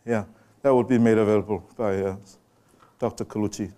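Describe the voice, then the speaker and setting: Low, mellow-voiced man lecturing. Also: steady tone. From Samoa. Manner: unhurried, quizzes the audience directly. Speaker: guest lecturer. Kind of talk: public lecture presentation. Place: lecture room with a live audience.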